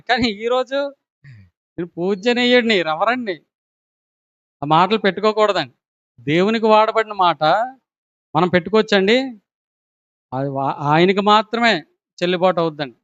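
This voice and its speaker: A man's voice: very high-pitched, a bit bright, clear, resonant tone, no room sound, dull audio. A man with a Telugu accent preaching a sermon, who keeps asking the congregation questions and adds a polite "andi" to his lines.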